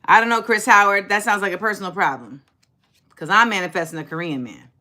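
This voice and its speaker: A livestream host in her forties speaks fast in a mid-range voice. She keeps things casual, chatty and sassy, animated as she speaks directly to viewers and reads and answers their comments.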